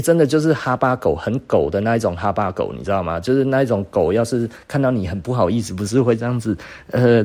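Podcast host: a man with a Taiwanese accent, swearing, mocking, with a dark warm tone. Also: lowish voice. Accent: Taiwanese Mandarin. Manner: profane, scornful, laughs often. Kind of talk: casual storytelling rant.

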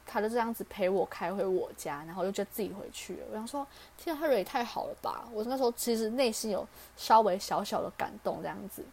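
A woman's voice: medium pitch, fast, few pauses, a little mellow. A young woman from Taiwan with a Taiwanese Mandarin accent, hosting a podcast and casually telling a personal story, acting out the lines of the people in it. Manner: chatty, acts out quoted dialogue. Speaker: podcast host.

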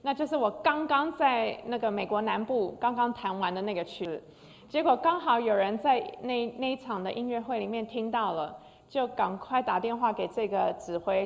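An older woman recounts her life as a pianist in a heartfelt, halting testimony. Her voice carries a gravelly fry. The sound rings with the long reverb of a large hall. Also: fairly high pitch. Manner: emotional storytelling with frequent hesitations. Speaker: concert pianist. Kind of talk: personal testimony.

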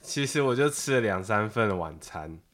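Deep-voiced easygoing man chatting. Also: expressive, normal speed, a bit bright. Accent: Taiwanese Mandarin. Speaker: co-host, host's husband. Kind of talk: casual chat.

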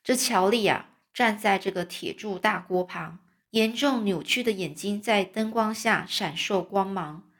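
A woman reading a children's novel aloud, pausing to explain words in friendly asides. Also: mid-range voice, a bit bright. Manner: explains words to young listeners, chatty asides. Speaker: storyteller.

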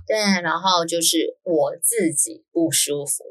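Woman, husky voice, lowish pitch, lively conversational storyteller, schoolteacher guest on an interview. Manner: lively storyteller, many fillers and quick affirmations. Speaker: guest author and primary school teacher.

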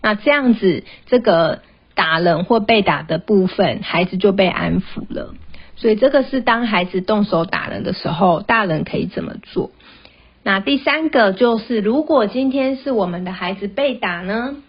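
A mother hosts a parenting podcast, chatting gently and sharing stories about her kids. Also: medium pitch, lively intonation, moderate pace, slightly rough. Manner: gentle, chatty, tells personal anecdotes. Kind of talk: casual podcast monologue. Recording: dull, slightly lo-fi sound.

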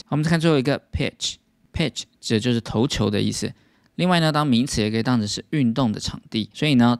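A man's voice: medium pitch, dry recording, studio quality. A man with a Taiwanese Mandarin accent teaching English news vocabulary, explaining each word steadily and stressing the English terms.

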